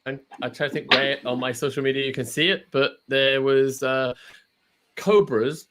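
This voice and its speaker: A man from England chatting casually on a video call, his pitch sitting in a middle range. He stumbles and restarts often, laughs easily and keeps his stories loose and friendly. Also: moderate pace, noisy background. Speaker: podcast host. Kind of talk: casual chat. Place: at home in China.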